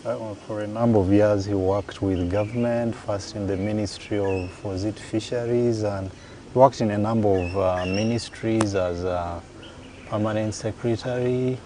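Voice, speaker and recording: A man in his forties with a Ugandan English accent, an interview guest recalling his family and schooling in a measured way, pausing to correct himself. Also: on the low side, fairly even intonation. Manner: measured, recalls details with pauses and self-corrections. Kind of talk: casual interview conversation. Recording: faint background noise.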